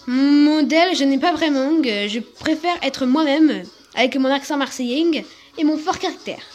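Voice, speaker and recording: A woman with a high voice narrates a toy show in a soft, hushed way. Faint music runs under her quiet directions. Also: normal speed.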